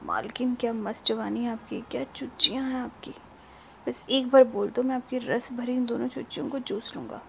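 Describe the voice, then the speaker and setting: Shy eager young servant dude, woman doing him, bit high n gravelly, muffled lo-fi audio. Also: steady tone, moderate pace, darkish tone, slight background noise. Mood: murmuring.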